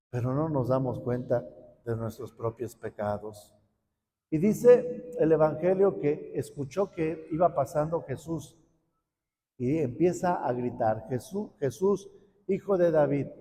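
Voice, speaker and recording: Priest preaching in echoing church. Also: male voice, mid-range voice, warm tone. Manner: conversational, acts out parishioners' thoughts in voices. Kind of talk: Sunday homily. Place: parish church. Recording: reverberant church hall with faint ambience.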